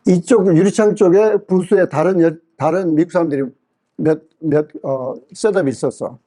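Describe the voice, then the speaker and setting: A man's voice: a little high, normal speed. A male pastor preaching a sermon at a church revival meeting, telling a personal story and acting out what each person in it said. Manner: lively storytelling that acts out quoted speech.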